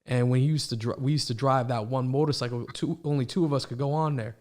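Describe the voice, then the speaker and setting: A man born in Morocco and raised in the United States, hosting a podcast in a relaxed, friendly way and saying "bro" often. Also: mid-range voice, fast talker. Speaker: podcast host. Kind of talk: casual podcast conversation.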